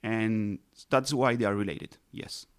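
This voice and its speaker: A man's voice: fairly low pitch, steady tone, a little slow, clear, resonant tone. Colombian-raised man explaining science patiently. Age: 30s. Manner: explains patiently, many restarts and fillers. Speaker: ecologist guest. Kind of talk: interview answers, explanatory.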